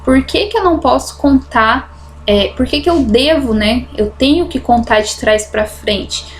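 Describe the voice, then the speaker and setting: A woman teaching a grammar lesson, explaining patiently and drawing out example words slowly. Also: high voice, lively intonation, a little hiss or hum. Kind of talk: recorded online grammar lesson.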